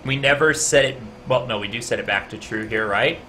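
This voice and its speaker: A man's voice: mid-range voice, fairly quick, a little hiss or hum. A man streaming his game programming, reasoning aloud as he works and chatting with viewers in between. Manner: chatty, talks to viewers in chat between code explanations; guessing and reasoning out loud with frequent "uh". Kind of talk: live coding stream, thinking aloud.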